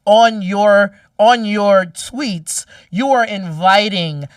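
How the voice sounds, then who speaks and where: A man's voice: high voice, very slow, no room sound, far from the mic. A man co-hosting a casual podcast debate, explaining his point at length and cutting in with "wait, hold on". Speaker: podcast co-host. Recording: dry room, voice off-mic.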